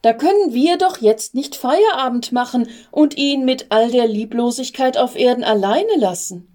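A woman's voice: on the high side, moderate pace, darkish tone, voice pushed up, natural voice. A woman voicing an anxious, tender-hearted young male angel in a storybook reading, with a fretful, pleading manner. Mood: urgent.

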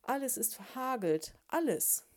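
A grumpy, miserly hamster farmer , as a woman reading a storybook puts him on, snapping and blustering in a raised, loud voice. The tone stays mellow and warm underneath. He rants about his hard lot and shoos others away. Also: medium pitch, moderate pace, natural voice. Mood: angry shouting. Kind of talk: audiobook character voice.

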